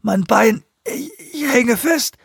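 A man's voice: very high voice, animated, takes it slowly, gravelly, breathy edge, dry recording, clean studio sound, voice pushed up, exaggerated voice. A man voicing a terrified male biologist who moans and whimpers. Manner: whimpering, jammering.

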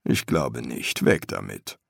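A man voicing a weary older master embalmer who answers in a dry, patient, deadpan way. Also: extremely low pitch, slow, vocal fry, no echo, voice pushed down, heavily acted.

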